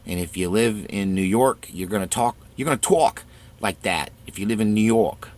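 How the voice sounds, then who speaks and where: A man talks straight to his audience as the host of his own show. His delivery is a casual, rambling monologue full of restarts, in a somewhat low voice. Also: fairly quick. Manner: rambling, conversational, with frequent restarts. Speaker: channel host.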